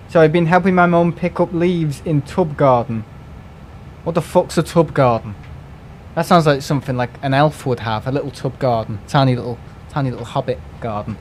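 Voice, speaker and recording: A man's voice: medium pitch, slight background noise. A young man streaming live, chatting casually with viewers, joking and swearing now and then.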